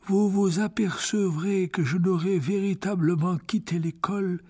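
A wise old headmaster in a storybook, speaking slowly and deliberately with calm authority, as a man acts him out. The voice sits a little higher, with a husky grain. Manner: slow, measured, deliberate.

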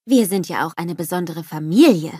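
A woman's voice: lowish voice, animated, brisk, warm tone, husky, no room sound, studio quality. A woman voicing an eager, bubbly young princess in a storybook.

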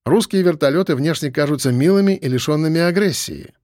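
A man reading a novel aloud as narrator, in an expressive manner. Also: a little high, brisk, dry recording, clean studio sound. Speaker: audiobook narrator. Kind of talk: scripted narration.

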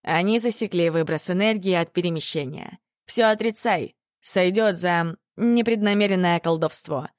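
A woman voicing a cold, commanding, bodiless male dark lord in an audiobook, speaking in a clipped, imperious way. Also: on the low side, normal speed, hardly any pauses, no room sound, studio quality, natural voice. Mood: menacing. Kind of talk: audiobook character reading.

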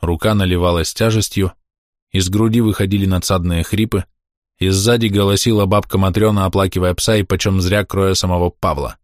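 Male narrator, low voice, measured and tense delivery, dry booth sound. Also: steady tone, no room sound. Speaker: audiobook narrator. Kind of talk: dramatic audiobook narration.

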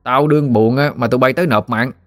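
A man's voice: mid-range voice, fast talker, a bit bright, voice pushed up, lightly acted. A man voicing a burly, boastful boy bully who taunts and swaggers. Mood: taunting.

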